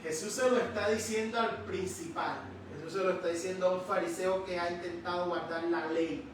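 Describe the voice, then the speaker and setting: A man preaching a sermon in a church, slowly and emphatically, stretching out key words. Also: high voice, fairly even intonation, background noise. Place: church sanctuary. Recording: echoey church hall, distant mic.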